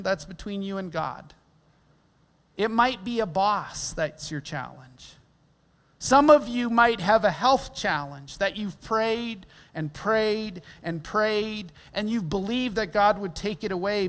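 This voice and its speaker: Man, pastor, sermon, slow delivery, acts out prayers, long hall reverb. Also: high voice. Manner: animated preaching, acting out prayers. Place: church sanctuary.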